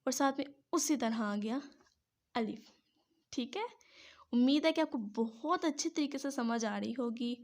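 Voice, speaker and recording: A woman patiently teaching how to join Arabic letters, step by step, pausing often to check in. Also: high voice, darkish tone. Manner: patient, says "theek hai" between each step. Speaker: Quran teacher. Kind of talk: step-by-step writing lesson.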